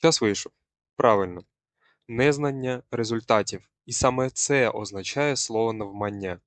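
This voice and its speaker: A young adult male student presents a scripted language lesson, explaining a word and quizzing viewers like a teacher. His voice is mid-range, at normal speed, with no echo.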